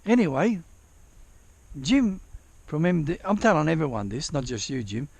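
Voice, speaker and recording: A man's voice: fairly high pitch, very animated, normal speed, gravelly, a little mellow, no room sound. A man with an Australian accent chatting casually to his viewers, rambling, repeating himself and swearing freely. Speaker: vlogger. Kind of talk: casual rambling chat to camera.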